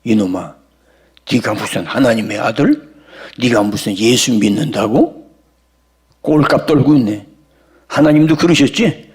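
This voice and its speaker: A man voicing a sneering male devil who mockingly taunts a believer in a low voice. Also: unhurried, pauses often, a little mellow, lightly acted. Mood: taunting. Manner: scornful, mocking.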